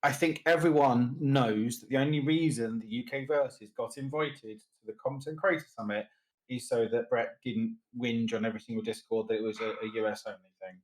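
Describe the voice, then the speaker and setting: A man's voice: medium pitch, fairly even intonation, a little fast, poor audio. A man co-hosting a casual podcast, laid-back and blunt, swearing now and then. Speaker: podcast co-host. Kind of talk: casual chat about a card game community.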